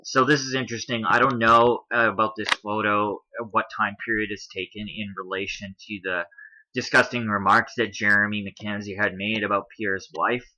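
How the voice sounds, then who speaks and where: A man's voice: fairly low pitch, fairly even intonation, moderate pace, bright, forceful tone, muffled recording. A man giving casual explanatory commentary over images, walking through his points one at a time, spelling out letters and often adding "if you will". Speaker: video commentator.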